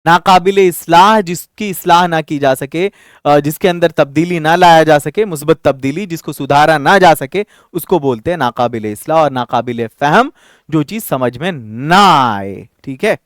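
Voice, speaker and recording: A man's voice: fairly high pitch, moderate pace, no echo, clean studio sound. A man teaching an online Urdu vocabulary lesson for exam candidates, going word by word, repeating terms and checking in with "okay". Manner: explains word by word, repeats terms, mixes Hindi, Urdu and English; frequent fillers and "theek hai" check-ins.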